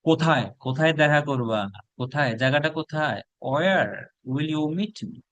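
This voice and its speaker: Bangladeshi man, English teacher, drawn-out model sentences, fairly high voice, dry close mic. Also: fairly bright tone, no echo. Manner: slow, drawn-out model sentences alternating with quick translations. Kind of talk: spoken English lesson.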